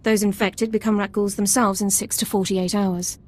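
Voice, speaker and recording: A mid-range, slightly mellow female voice, level in tone and normal in speed, lightly acts the part of a strict, formal sergeant making clipped, precise military reports. The game cutscene features an Imperial-sounding accent and a music bed under the audio.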